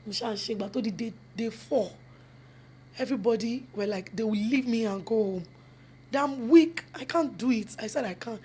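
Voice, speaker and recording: Her voice is a little high and dark, with a breathy edge and a moderate pace. A young Nigerian actress and film producer with a Yoruba accent, she responds to interview questions in earnest, moving between English and Yoruba mid-sentence and repeating phrases to stress them.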